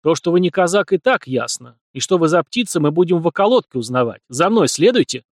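A man's voice: a little high, expressive, brisk, dry recording, clean studio sound, voice pushed up. A man voicing a haughty, pompous male police sergeant giving commands.

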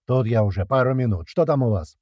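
A man voicing a brisk male squad leader talking over a radio in an audiobook. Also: mid-range voice, no echo, dull audio, close to an everyday voice. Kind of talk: audiobook dialogue.

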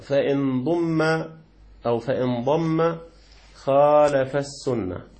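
A man's voice: mid-range voice, dark tone. A man, a sheikh teaching a lesson on a classical jurisprudence text, who explains patiently, repeats key words, and asks and answers his own questions. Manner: chants the call-to-prayer words slowly.

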